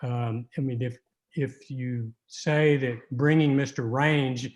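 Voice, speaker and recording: Here a male appellate attorney presents oral argument before a court, sounding argumentative and hesitant and repeating words often. His voice is medium in pitch with fairly level intonation, captured on lo-fi audio.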